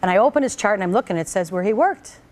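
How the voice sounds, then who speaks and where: At a fast clip and medium pitch, a woman hosting a talk show recounts something that happened to her, bringing the story to life for her guest by imitating the people in it.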